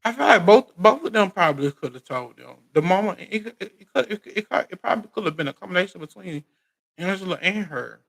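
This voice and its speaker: An American man with a fairly high voice and a heavy gravelly fry hosts a casual reality TV recap. He talks in loose, colloquial phrasing, circling back and repeating phrases as he goes. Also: expressive, quick pace, fairly bright tone. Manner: repeats and restarts phrases over and over. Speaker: recap show host. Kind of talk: casual live recap chat about reality TV.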